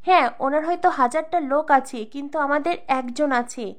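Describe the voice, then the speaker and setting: A woman reading the lines of a middle-aged father from a serial who calms his family. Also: high-pitched, moderate pace, lightly acted. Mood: reassuring. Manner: calm, reassuring. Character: gentle reassuring father, middle-aged man.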